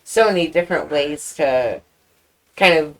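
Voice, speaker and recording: Chatty lady interviewer, slightly low voice, casual and agreeable. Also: unhurried, low-quality recording. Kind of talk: casual chat.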